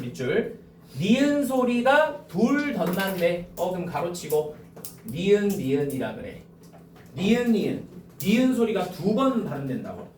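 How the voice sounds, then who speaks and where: A male high school teacher lecturing to a class, slowly dictating key points and often checking whether students follow. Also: echoey room, distant mic, slight background noise.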